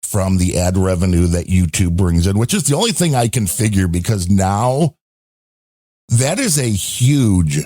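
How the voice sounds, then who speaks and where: A man on a casual talk show, telling a long, animated, rambling story about a storm and his week. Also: deep voice, measured pace, no echo, studio quality. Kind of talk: casual chat. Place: home in a storm-hit area.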